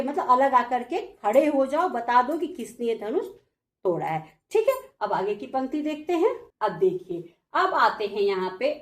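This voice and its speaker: A woman's voice: fairly high pitch, roomy sound. A woman teacher explaining a Hindi verse lesson line by line, glossing each word in turn.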